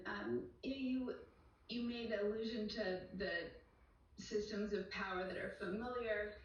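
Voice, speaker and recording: A woman poet speaking as a guest in a TV news interview, passionate and rhythmic, building her points through repeated phrases. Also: mid-range voice. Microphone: remote call. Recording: echoey and distant, dull band.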